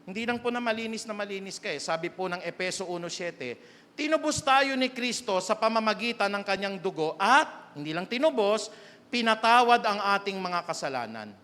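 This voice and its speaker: Man, Filipino accent, pastor, high voice, long church reverb, emphatic preaching. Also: expressive, brisk. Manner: preaches in Tagalog with English phrases, rising to loud emphatic calls. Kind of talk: sermon. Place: church sanctuary.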